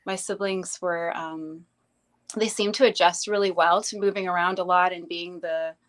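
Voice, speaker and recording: A woman's voice: on the low side, fairly even intonation, normal speed. Hesitant woman telling her life story. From grew up in Bangladesh, later Canada. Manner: hesitant, many ums and restarts. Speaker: interview guest. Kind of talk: casual personal storytelling.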